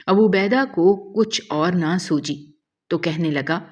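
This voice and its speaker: A woman's voice: fairly low pitch, darkish tone, lo-fi sound. A woman storyteller giving scripted, dramatic and emotional story narration.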